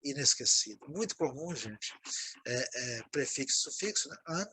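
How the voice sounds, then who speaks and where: Over a rough recording with a little hiss or hum, a Brazilian teacher speaks at normal speed in a medium-pitched, bright, expressive voice with a forceful tone. With a Brazilian Portuguese accent, he records an English vocabulary lesson on video, explaining, patiently repeating words, and checking in with students through frequent "né, gente?"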